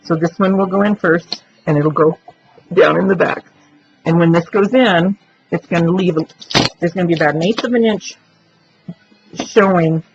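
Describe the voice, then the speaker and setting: A woman with a gravelly, lowish voice talks at a normal speed while demonstrating a craft. She explains every step aloud in a chatty, thinking-aloud way, and the dull lo-fi recording carries faint noise.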